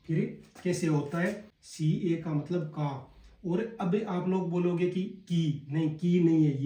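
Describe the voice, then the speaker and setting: A man with a Hindi accent teaching a casual spoken lesson, drilling words slowly one by one and calling his viewers brother. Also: a little high, mellow. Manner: slow and repetitive, drilling words one by one, addresses viewers as "bhai". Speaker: language teacher. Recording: echoey room, voice a bit far from the mic.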